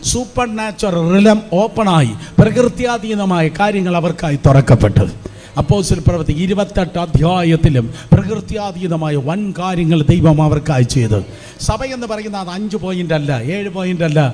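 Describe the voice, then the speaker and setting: Preaching to a congregation in a church hall, a male pastor uses a warm, high-pitched voice at ordinary speed. His fervent Pentecostal message relies on call-and-response, with the crowd asked to say lines back.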